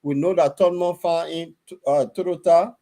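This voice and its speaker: A middle-aged man with a Liberian English accent speaks in a fairly high, mellow voice. He talks casually and bluntly, leaning on personal stories to make his point in a relaxed discussion. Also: measured pace. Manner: anecdotal, blunt storytelling.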